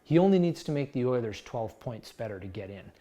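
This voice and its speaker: A man in his thirties with a middle-pitched voice delivers a scripted sports vlog. He sounds earnest and storytelling, turning to gentle jokes at his own expense. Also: big pitch swings, fairly quick. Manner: earnest, storytelling asides with gentle self-mockery. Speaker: sports blogger.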